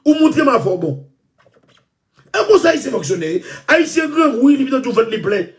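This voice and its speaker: A man with a Haitian Creole accent, ranting loudly and repeating himself. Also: very high-pitched, sing-song, moderate pace, distant mic. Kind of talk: impassioned rant.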